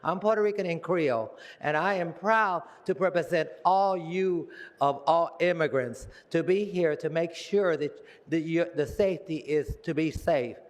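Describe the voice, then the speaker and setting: An older man in his seventies speaks at a city council podium, rambling, circling back and repeating himself as he goes. His voice sits somewhat high for a man. The chamber lends it a long, lingering reverb. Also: measured pace. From United States. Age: 70s. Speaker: public commenter. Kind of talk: rambling public comment.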